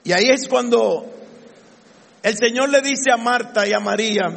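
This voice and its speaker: A male pastor preaches with a very high, gravelly voice, acting out the people he quotes. His words ring with the long reverb of a church hall. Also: a bit bright. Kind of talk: sermon.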